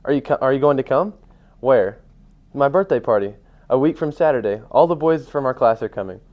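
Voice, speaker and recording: A man's voice: medium pitch, lively intonation, a little fast, natural voice. A young man voicing a nosy young schoolboy in a read-aloud storybook, in a plain reading voice. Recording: dull lo-fi sound.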